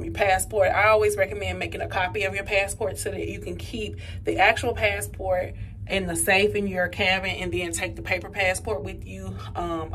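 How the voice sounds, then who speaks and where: A woman's voice: mid-range voice, fairly bright tone, a little hiss or hum. A woman in her thirties, a travel vlogger, chatting candidly to viewers with a phone held at arm's length on a cruise ship. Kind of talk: casual vlog with voice-over. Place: on a cruise ship, cabin and open deck.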